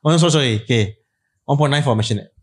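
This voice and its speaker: A man's voice: mid-range voice, racing. Inquisitive Singaporean man asking questions. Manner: inquisitive, asks clarifying questions. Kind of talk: casual podcast chat.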